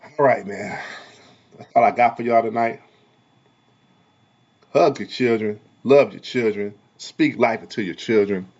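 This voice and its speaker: A man who is a parent and a barber, talking heatedly in a casual commentary vlog, repeating himself in a preachy way and swinging between loud and soft. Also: lowish voice, measured pace, long pauses, lo-fi sound. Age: adult parent. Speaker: vlogger and barber.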